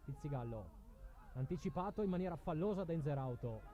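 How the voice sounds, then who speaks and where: A man's voice: a little high, expressive, brisk, dark tone, dull audio. A man calling a live football match play by play, calling players' names in short bursts. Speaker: football commentator.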